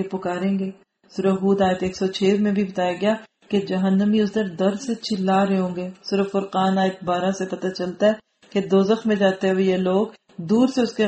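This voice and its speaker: A woman's voice: mid-range voice, mellow, a little hiss or hum. A woman from Pakistan giving a Quran commentary lecture, earnest and admonishing, reciting Arabic verses and explaining them. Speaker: Quran teacher. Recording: roomy echo.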